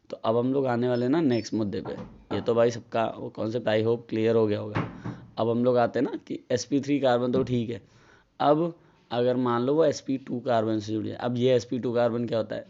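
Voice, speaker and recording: A man's voice: medium pitch, warm tone, muffled recording. A man with a Hindi accent giving a casual chemistry tutorial, asking and answering his own questions. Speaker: chemistry teacher. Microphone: phone.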